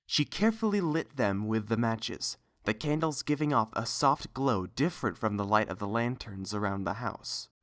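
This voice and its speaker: Reading a fictional script as an audiobook, this storyteller is measured in delivery, and the pitch rises and falls in a lively, varied way.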